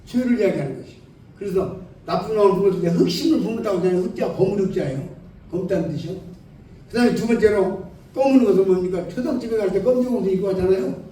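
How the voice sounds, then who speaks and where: A man's voice: high-pitched, lively intonation, quick pace, mellow. A man preaching an evangelistic sermon in a plain-spoken way, often putting questions to his listeners. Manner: plain-spoken, keeps asking the audience questions. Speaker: lay preacher. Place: church hall. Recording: very echoey hall, distant mic, faint noise.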